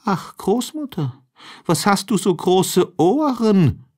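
A man's voice: slow, full character voice. A man voicing an innocent, eager young girl in a fairy tale, asking questions in a raised voice. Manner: high, lively questions.

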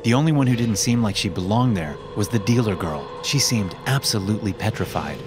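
A young man narrating a horror story in a tense, hushed voice, swearing casually. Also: fairly low pitch, lively intonation, brisk. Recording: narration over loud music.

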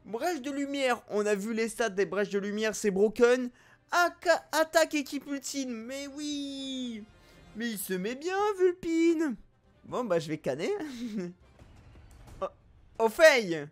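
A man giving excited, jokey gameplay commentary, bursting into loud exclamations. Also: very high voice, a little slow, faint music behind. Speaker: gaming YouTuber.

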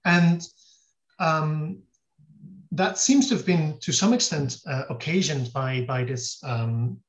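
Brief: man, guest scholar on a video call, higher-pitched voice, careful and explanatory, lo-fi sound. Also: takes it slowly. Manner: thoughtful, explains at length with restarts. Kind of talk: explanatory interview answers. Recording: dull lo-fi audio.

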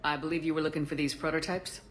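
Low-voiced, steady Commander Shepard played by an actress. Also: female voice, soft background music, close to an everyday voice. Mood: supportive, calm. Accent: North American. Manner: measured, concise, reassuring. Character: female military commander, steady, supportive, composed. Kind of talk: naturalistic game dialogue acting.

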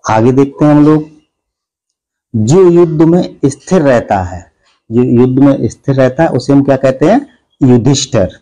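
A man's voice: mid-range voice, normal speed, warm tone, poor audio. A male teacher giving an exam-prep grammar lesson, explaining each answer step by step and answering his own questions. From India.

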